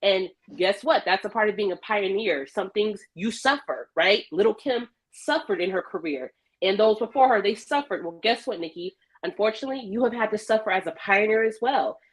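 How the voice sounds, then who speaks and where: A woman giving opinionated casual commentary, stressing her points with deliberate repetition. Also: mid-range voice, expressive, slightly rough, low-quality recording.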